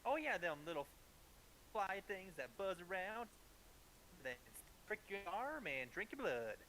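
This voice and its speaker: A man's voice: high-pitched, sing-song, unhurried, pushed and bright, slight background noise, heavily acted, low-quality recording. A man voicing a folksy, curious, simple-minded rustic in a tabletop game. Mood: amused, curious. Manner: folksy, naive questioning.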